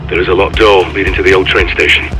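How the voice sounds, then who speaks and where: An actor playing an alert special forces operative, giving procedural reports in military game dialogue. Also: male voice, deep voice, level tone, fast talker, music in the background, natural voice, poor audio. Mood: focused, serious. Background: game score.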